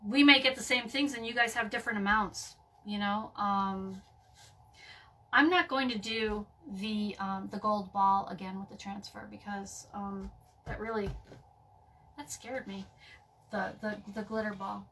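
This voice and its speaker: A woman's voice: mid-range voice, fairly even intonation, measured pace, fairly bright tone, recorded from a distance. A woman chatting through a casual craft tutorial at home, with lots of fillers and frequent "okay?" check-ins, saying she is losing her voice. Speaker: craft vlogger.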